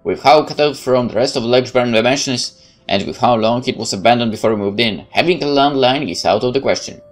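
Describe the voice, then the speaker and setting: Speaking a little fast at a medium pitch, this man is a gaming YouTuber doing a let's play. Over game music, he reads out the narration of a visual novel and adds dry, offhand remarks.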